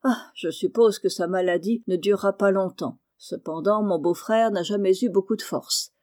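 Woman voicing a gruff scolding old aunt. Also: medium pitch, moderate pace, dark tone, lightly acted. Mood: exasperated. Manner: scolding and curt. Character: gruff, sharp-tongued elderly aunt.

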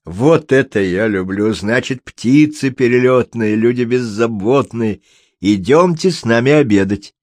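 A man's voice: medium pitch, expressive, unhurried, no echo, natural voice. A man doing a hearty, boisterous traveling showman. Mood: jovial. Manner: boisterous, loud and jokey. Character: jovial hearty male traveling showman, rhyming.

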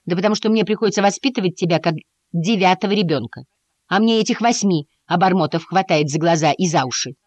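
A woman's voice: on the low side, quick pace, a little mellow, dry recording, voice pushed up, lightly acted. A woman voicing a weary, irritable mother mouse in a storybook reading, tart and exasperated.

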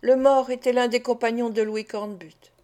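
A woman reading an adventure story aloud in a measured, expressive way. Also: a little high. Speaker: audiobook reader. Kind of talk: scripted narration.

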